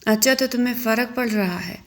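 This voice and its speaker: A woman's voice: on the high side, natural voice. A woman voicing a teasing, secretive young husband in a story reading. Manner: confiding, muttering.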